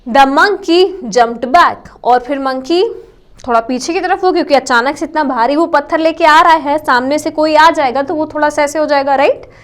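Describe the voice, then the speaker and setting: A woman's voice: sits high, fairly quick. A woman teacher, explaining a story lesson and stopping to give the meanings of words. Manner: explains word meanings, mixes English with Hindi.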